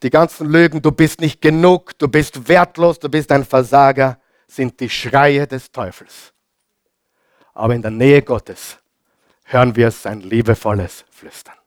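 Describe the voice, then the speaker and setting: Man, pastor, sermon, slow delivery, informal, drops to whispers, dry close sound. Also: mid-range voice, steady tone, dry recording. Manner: drops to soft whispers for emphasis; informal, addresses congregation directly.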